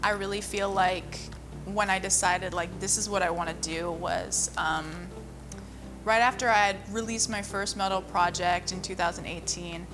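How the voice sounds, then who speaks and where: Speaking at a normal speed in a lowish voice with fairly even intonation, a young singer and model chats about her music. It's casual storytelling, loaded with "like," and music plays beneath it.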